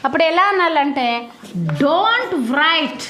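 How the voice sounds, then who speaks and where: A woman's voice: very high-pitched, expressive, takes it slowly, sharp tone, echoey room, slight background noise. A woman teaching a primary school class, coaxing the children to repeat after her. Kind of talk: classroom lesson.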